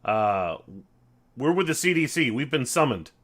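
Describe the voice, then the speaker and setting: A man's voice: mid-range voice, very animated, measured pace, fairly bright tone. A man playing a tabletop game, chatting casually and joking as he declares his actions.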